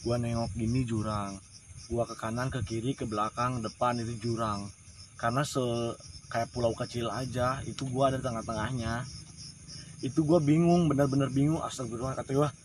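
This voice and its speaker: A man's voice: mid-range voice, noisy background. A man casually retelling a strange personal experience in slangy, repetitive first person, full of emotion. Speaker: storyteller. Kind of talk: casual spoken ghost-story retelling.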